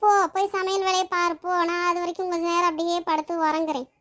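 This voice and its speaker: A woman's voice: extremely high pitch, steady tone, fast talker, fairly bright tone. A woman voicing a bossy, quarrelsome old mother-in-law in a cartoon, speaking. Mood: scolding. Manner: scolding, demanding, picks fights.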